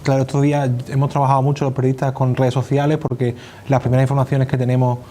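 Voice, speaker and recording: A man, a journalist putting a long, unscripted interview question in halting, circuitous phrasing. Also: mid-range voice, flat delivery, mellow, a little hiss or hum. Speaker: journalist panelist.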